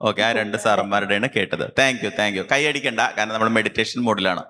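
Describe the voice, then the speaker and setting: A man, a camp instructor who leads a concentration exercise with slow, calm instructions and long pauses. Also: on the low side, slight background noise.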